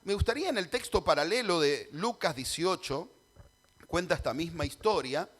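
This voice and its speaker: A man with an Argentine Spanish accent preaching an expository sermon, swinging from loud cries to hushed, earnest tones. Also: a little high, lively intonation, moderate pace. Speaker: pastor. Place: church hall.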